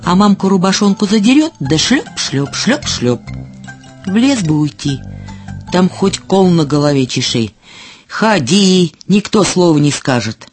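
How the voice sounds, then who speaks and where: A woman reading a children's fairy tale in a slow, expressive storytelling manner. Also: fairly low pitch, soft background music.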